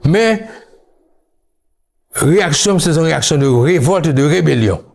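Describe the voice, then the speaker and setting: A man from Haiti talks slowly as an interview guest, reflecting at length and switching between Creole and French. His voice sits a little higher than most men's. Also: lively intonation, gravelly, darkish tone. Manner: slow, musing, mixes Creole and French.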